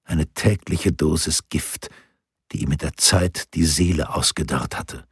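A man reads an audiobook in a measured, even manner. His voice is low and strongly husky, almost breathy. The recording is close and dry with no room sound. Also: no room sound. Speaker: narrator. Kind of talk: audiobook narration.

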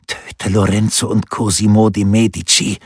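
A man's voice: lowish voice, little pitch movement, normal speed, no room sound, studio quality. Man whispering as a scheming seductress. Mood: sultry demanding. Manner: breathy, whispering.

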